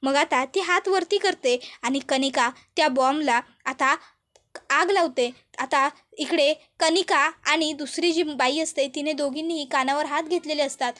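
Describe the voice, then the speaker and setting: A woman's voice: sits high, a little slow, fairly bright tone. A woman narrating a TV serial episode in a chatty, descriptive way, ending with a channel sign-off. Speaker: storyteller.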